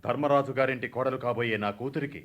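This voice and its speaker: A man's voice: mid-range voice, steady tone, fast, dull audio, lightly acted. Man doing a bossy strict dad in a radio drama, middle voice, curt orders. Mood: stern. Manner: commanding, curt decrees. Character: stern domineering father, middle-aged.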